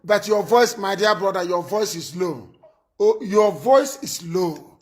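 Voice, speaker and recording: On his live-streamed call-in show, a man with a high-pitched, unhurried voice takes calls and speaks commandingly. He repeats his points and scolds the callers.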